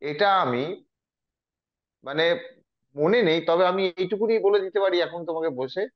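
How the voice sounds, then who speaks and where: A man's voice: a little high, moderate pace. Curious man, slightly dull recording. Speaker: co-host asking questions. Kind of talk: casual chat.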